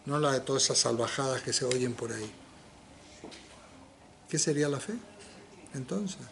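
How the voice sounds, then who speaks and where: A man's voice: mid-range voice, moderate pace, gravelly, background noise. An older man giving an informal philosophy seminar lecture, asking the audience rhetorical questions and dropping frequent tag questions. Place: lecture room in a community center.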